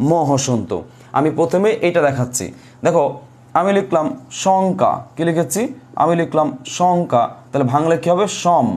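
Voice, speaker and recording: A man's voice: on the high side, a little mellow. A man teaching a grammar lesson to students, asking questions and repeating the answers so they can be written down. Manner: self-correcting, thinks aloud. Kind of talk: online class lecture.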